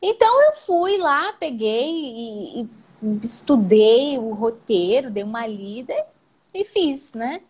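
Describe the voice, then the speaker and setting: A woman with a Brazilian Portuguese accent telling her own story as an interview guest. She speaks in an animated way, often adds "né?" and leaps up in pitch. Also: slow pace, slightly rough. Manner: animated, with frequent "né?" tags and sudden jumps up in pitch. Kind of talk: emotional personal storytelling in a live interview.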